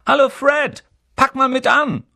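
Ein Mann, der in einer Hörbuchlesung zwei freche, rothaarige Zwillingsjungen im Teenageralter mit hoher, lauter und sprunghafter Stimme spricht. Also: male voice, very animated, measured pace, exaggerated voice. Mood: neugierig. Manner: high, loud and bouncy. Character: cheeky red-haired teenage twin boys.

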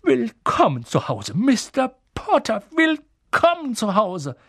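Male reader voicing an old barkeep, quavering and high, drawn-out words. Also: huge pitch swings, dry recording, studio quality, full character voice. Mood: awestruck. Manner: high, trembling, slow. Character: old bald male innkeeper, awed and tearful.

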